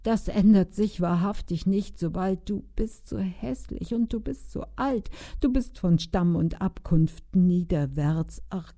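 A woman's voice: lowish voice, a little slow, dark tone. A woman voicing a dismayed young knight who laments and then gives in, speaking in rhyming verse. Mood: lamenting.

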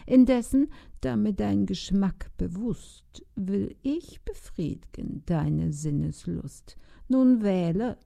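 A woman's voice: mid-range voice, animated, slow pace, vocal fry, mellow, heavily acted. A woman voicing a cunning, ugly old woman who commands her new husband in rhyming verse. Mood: domineering. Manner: pleading then domineering, rhyming verse.

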